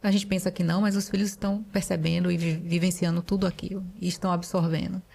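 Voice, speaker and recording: A woman's voice: lowish voice, little pitch movement, fast, vocal fry, mellow, slight background noise. A woman hosting a podcast conversation, reflective and hesitant, with many fillers. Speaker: podcast host.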